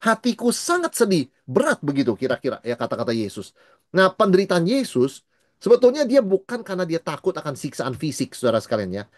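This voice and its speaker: Middle-aged male pastor, Bible study teacher, dry close sound, lively delivery that mixes in English. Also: fairly high pitch, quick pace, no echo. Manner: lively, mixes in English words, acts out quoted voices.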